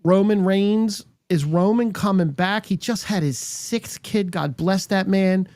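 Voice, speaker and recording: A man's voice: sits high, measured pace, darkish tone, no room sound. A man co-hosting a podcast, chatting casually about wrestling, speculating aloud with slangy, questioning remarks. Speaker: podcast co-host. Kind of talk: casual wrestling recap chat.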